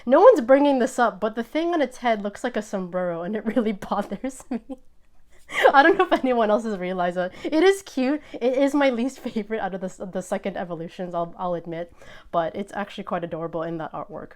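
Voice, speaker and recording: A woman talks casually as she hosts an unboxing, her voice sitting at an ordinary middle pitch. She is chatty and excitable, and now and then she stumbles over her words in her eagerness. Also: brisk. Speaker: host opening trading card packs.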